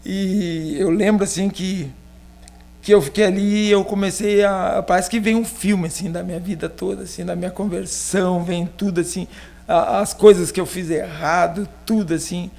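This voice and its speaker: A man's voice: sits high, fairly even intonation, normal speed, vocal fry, darkish tone. A man with a southern Brazilian accent from Rio Grande do Sul, a pastor casually telling a personal story on a podcast in a rambling, filler-heavy way. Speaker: pastor being interviewed.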